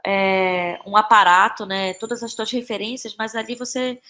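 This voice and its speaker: With a medium pitch, little movement in her intonation, and a fairly bright tone, a woman with a Brazilian Portuguese accent talks as a podcast guest. She's a playwright and actress who discusses her creative work casually and reflectively, stumbling for words, repeating phrases, and using lots of tag questions.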